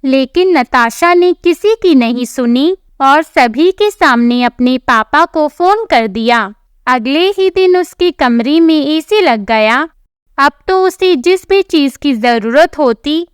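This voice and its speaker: Slow, high-voiced woman narrator. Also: dry recording, studio quality. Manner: even, storytelling. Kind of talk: scripted storybook narration.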